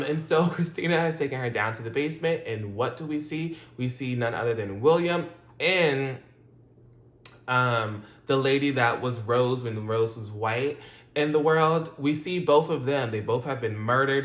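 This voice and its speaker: A man's voice: mid-range voice, moderate pace, fairly bright tone. A man hosting his own channel, giving a casual, rambling review of a TV episode with lots of fillers, restarts and laughs. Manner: chatty and loose, with frequent fillers, restarts and laughs. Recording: roomy echo.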